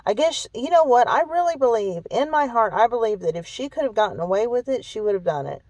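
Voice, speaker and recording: A woman's voice: fairly high pitch, lively intonation, a little fast, a little mellow, no echo, rough recording. Woman telling a painful story, dry sound. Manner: emphatic, repetitive, keeps adding "okay?" and "really"; emotionally shaken when recounting hurt. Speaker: vlogger. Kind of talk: personal storytelling to camera.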